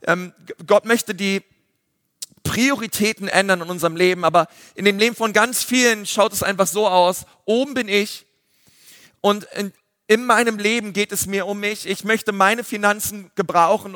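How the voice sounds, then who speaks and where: A man, a pastor giving a lively sermon full of fillers. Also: high voice, moderate pace, no echo, clean studio sound, big-room sound. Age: 30s. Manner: lively preaching with filler words.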